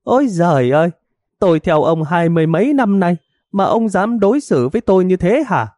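A man's voice: high-pitched, sing-song, fairly quick, darkish tone, dry recording, studio quality, voice pushed up. A man voicing a hot-tempered middle-aged village wife who scolds and wails melodramatically in a storybook reading. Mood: wailing.

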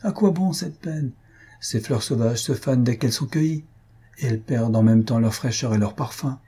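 A man's voice: mid-range voice, normal speed, warm tone, husky. A man voicing a witty, mocking young noblewoman who talks in a teasing, proudly plain-spoken way.

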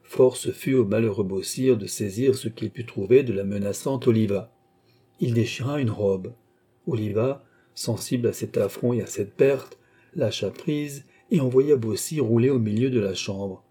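A man giving a slow, measured audiobook narration of a classic novel. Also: mid-range voice, mellow, husky. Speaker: audiobook reader.

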